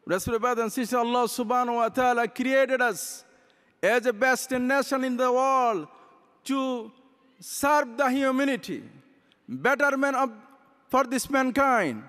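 High-voiced imam in a big hall. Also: male voice, a little slow, a bit bright, clean tone. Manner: impassioned, gesturing with both hands; mixes Arabic recitation into English. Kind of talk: convention speech. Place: large convention hall stage. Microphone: podium microphones. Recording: long reverb of a big hall.

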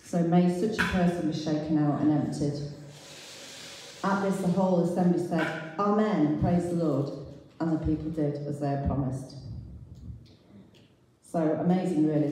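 A middle-aged woman with a lowish, mellow voice gives an informal sermon, explaining scripture readings at a slightly slow pace. She speaks into a handheld mic fed through speakers in a large church hall, captured by a distant camera. The hall is very echoey, with slight background noise.

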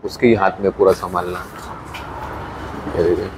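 A man's voice: low voice, level tone, normal speed, noisy background. A man with a Mumbai Hindi accent gives a chatty walkthrough of his farm, filmed on a handheld phone, pointing things out as he goes. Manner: chatty, points things out, mixes in English words. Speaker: farm owner filming his buffalo feeding. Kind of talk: casual walkthrough vlog narration. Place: outdoor farm sheds.

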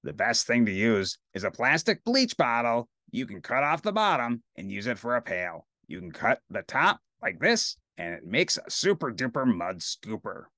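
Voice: medium pitch, sing-song, moderate pace, hardly any pauses, bright, forceful tone, no room sound. A grumpy storybook grouch, acted out by a reader who relishes filth and grumbles with contrary glee. The delivery swings up and down, and the sound is close and dry. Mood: gruffly gleeful. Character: grumpy grouch who loves trash and mud.

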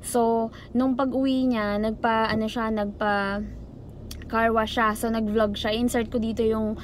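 A woman's voice: on the high side, flat delivery, measured pace, a little hiss or hum. A woman, a mother vlogging casually at home, chatting while mixing Tagalog and English. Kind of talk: casual vlog.

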